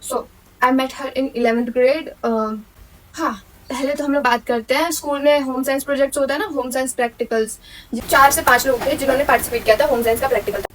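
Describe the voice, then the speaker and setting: Young female vlogger, quick and high-pitched, blunt and slangy storytime rant. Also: steady tone, recorded from a distance. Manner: blunt, slangy, mixes English into speech. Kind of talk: venting storytime monologue.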